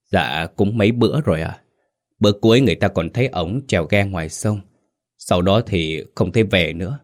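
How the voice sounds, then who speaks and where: Brief: a man doing a frightened old fish farmer, stammering, quick and anxious, low voice. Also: close to an everyday voice.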